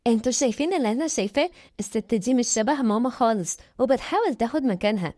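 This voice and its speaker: A woman's voice: a little high, animated, racing, mellow, dry recording, clean studio sound, close to an everyday voice. A woman voicing a bossy, resentful twelve-year-old girl who talks sharply and scornfully.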